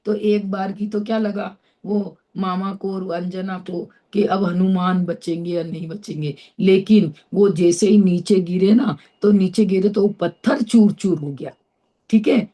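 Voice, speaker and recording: A woman from Madhya Pradesh teaching a scripture class, spelling out hard terms slowly and checking in with her listeners. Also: mid-range voice, steady tone, warm tone. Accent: Indore, Madhya Pradesh Hindi. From Madhya Pradesh, India. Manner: slow, spells out terms syllable by syllable, frequent "है ना?" checks. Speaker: religious teacher. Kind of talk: slow scripture class lecture.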